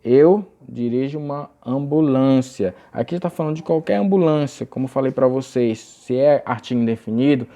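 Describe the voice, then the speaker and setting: A young man teaching English grammar in a recorded video lesson, explaining patiently and reading example phrases aloud slowly. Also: medium pitch, warm tone.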